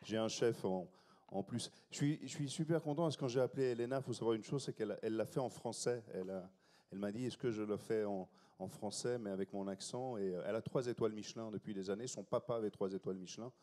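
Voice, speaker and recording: Stage host, man, low mellow voice, rushed and improvising. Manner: hurried, improvising, self-interrupting. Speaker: festival panel host. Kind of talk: live stage introduction. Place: festival stage.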